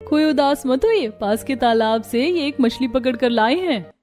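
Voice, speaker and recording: A woman's voice: sits high, expressive, normal speed, darkish tone. A woman voicing a determined, hopeful young daughter-in-law in a cartoon family story. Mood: reassuring. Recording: music under the voice.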